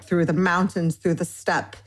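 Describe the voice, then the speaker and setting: This Michigan cookbook author in her forties speaks in a lowish, slightly rough voice with a level tone and measured pace. In a conversational interview, she talks eagerly in long, winding lists full of fillers.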